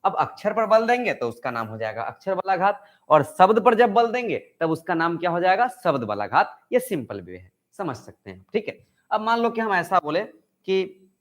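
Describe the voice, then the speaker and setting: Male teacher, high voice, very lively pitch, asks and answers his own questions. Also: moderate pace. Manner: acts out example sentences with stress. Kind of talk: online grammar lesson.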